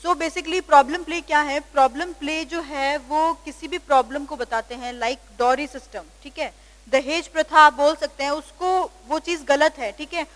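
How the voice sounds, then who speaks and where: A woman with an Indian accent giving a college lecture on literary terms, reading English definitions slowly and then explaining them in Hindi, often checking in with "theek hai". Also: high voice, fairly bright tone, long reverb tail.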